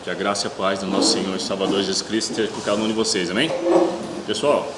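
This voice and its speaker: Brazilian preacher with toothache, echoey hall. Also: male voice, deep voice, flat delivery, quick pace. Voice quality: speech slightly hampered by toothache. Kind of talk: church sermon. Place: indoor church hall with noisy ambience. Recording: echoey reverberant hall, clear room hum.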